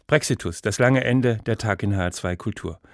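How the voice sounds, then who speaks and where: Brief: male radio presenter, lowish voice, dry studio. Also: normal speed, dry recording. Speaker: radio host.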